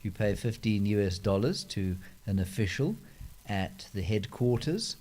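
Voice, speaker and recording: Low, mellow-voiced man chatting dryly. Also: animated, unhurried. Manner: dry, self-mocking humour with playful put-on voices. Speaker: host. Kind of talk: casual live Q&A chat. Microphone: handheld microphone.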